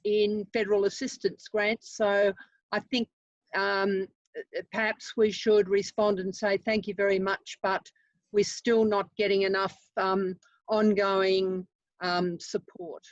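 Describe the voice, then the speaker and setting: A woman speaking as a councillor at a meeting, measured and hesitant, with many pauses. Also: mid-range voice, little pitch movement, no echo. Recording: dull dry sound.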